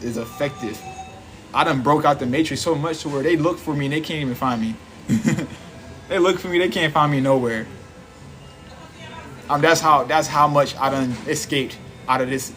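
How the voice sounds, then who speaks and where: A man's voice: medium pitch, a bit bright. A man giving a casual, preachy livestream monologue, repeating himself and laughing often. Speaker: livestream host. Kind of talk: casual live-stream monologue.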